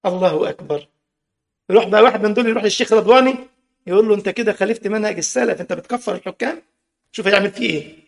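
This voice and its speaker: A man's voice: high-pitched, rapid-fire, creaky. A man with an Egyptian Arabic accent preaching a sermon, impassioned, full of rhetorical questions and mocking asides.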